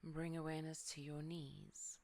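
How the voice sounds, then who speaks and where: A yoga nidra guide leads a calm relaxation meditation, speaking softly and frequently dropping into a whisper. The voice is mid-range and gravelly, at a moderate pace.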